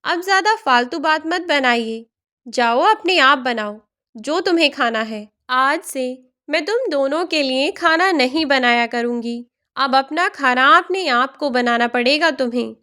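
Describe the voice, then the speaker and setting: A woman's voice: high-pitched, lively intonation, a little slow, sharp tone, heavily acted. A woman voicing a scornful young daughter-in-law in a storybook tale, speaking in a rude, scolding way.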